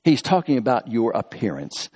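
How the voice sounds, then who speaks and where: A man preaching a sermon in a storytelling way. He dashes through asides, then slows right down to lean on key words, breaking off now and then to read scripture aloud. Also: mid-range voice. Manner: storytelling, lively shifts between quick asides and slow emphatic phrases; reads scripture aloud within the talk. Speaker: pastor.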